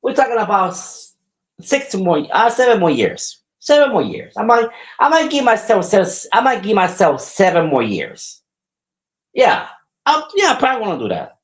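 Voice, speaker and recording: Here the pitch is high and swoops wildly, though the speed stays normal. The speaker, a wrestler and podcast host in his forties, rambles in an upbeat, casual solo talk, frequently repeating himself.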